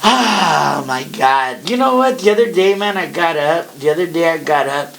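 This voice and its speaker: A man's voice: fairly high pitch, lively intonation, moderate pace, gravelly, fairly bright tone. A man in his fifties hosting a podcast with casual comic storytelling, profane and rambling, mixing in Spanish slang. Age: 50s. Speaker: podcast host.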